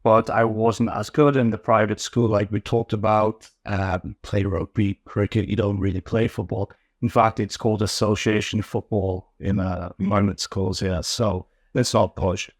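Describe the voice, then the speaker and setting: A man from Newcastle with a mixed northern English accent, a podcast guest telling his story in relaxed casual chat, often restarting his sentences. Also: on the low side, moderate pace, hardly any pauses, no echo, studio quality. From Newcastle, England.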